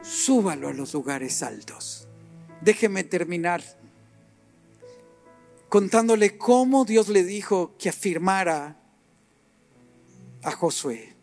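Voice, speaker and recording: A middle-aged man preaching a sermon, animated and rising to emphatic peaks as he acts out little scenes. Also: high voice, slow, pauses often, soft background music.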